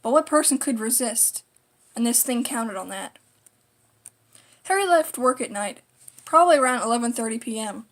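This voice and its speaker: A female narrator with a somewhat high-pitched voice reads a scripted horror tale. Her delivery is deliberate and dramatic, in the manner of creepypasta storytelling. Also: animated.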